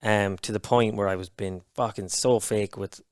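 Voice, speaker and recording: In a studio-quality recording with no echo, a podcast guest talks openly at a steady tone, his pitch on the low side. He curses often and speaks haltingly, restarting his sentences throughout the candid chat.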